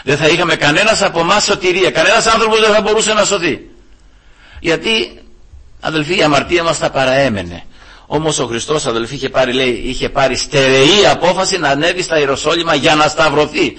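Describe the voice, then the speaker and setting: A man's voice: on the high side, sharp tone, breathy edge. A male preacher delivering an emphatic sermon, often turning to address the brethren directly.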